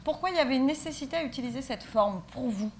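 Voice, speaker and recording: A woman's voice: sits high, expressive, fast talker, a little hiss or hum. A woman hosting a web TV festival interview, friendly and hesitant, with many fillers.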